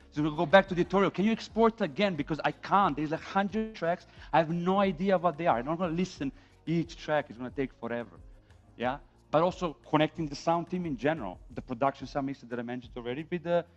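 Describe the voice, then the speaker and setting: A middle-aged man with a Serbian accent lectures a class on film sound, animated and acting out quotes from set while checking in with "yeah?". His voice is a little high, and the audio sounds dull.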